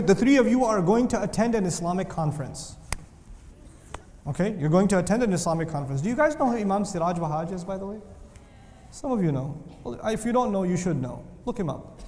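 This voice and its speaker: Animated male lecturer in a big hall. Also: high-pitched, moderate pace, long pauses. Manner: animated storytelling with voices and jokes. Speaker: Islamic lecturer. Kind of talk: lively religious talk. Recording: reverberant hall with faint noise.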